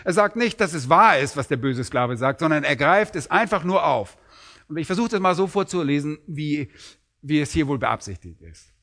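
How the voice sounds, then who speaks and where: A man preaching a sermon on a parable, emphatic and rising sharply in pitch when he acts out quoted lines. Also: expressive, normal speed, fairly bright tone.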